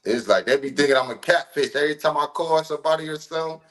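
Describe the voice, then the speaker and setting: A man in his thirties from Ohio, USA, a rapper appearing as a podcast guest, talks fast in a fairly high, fairly bright voice. His chat is casual, laid-back and slangy, rambling along with lots of fillers.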